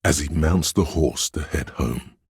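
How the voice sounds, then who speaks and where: A man narrates as a grave, all-knowing inner voice of police camaraderie in a video game, his extremely low pitch carrying a gravelly, husky edge. The delivery is solemn, measured and literary in an exaggerated voice, with a brooding, measured mood. The recording is dry with clean studio sound.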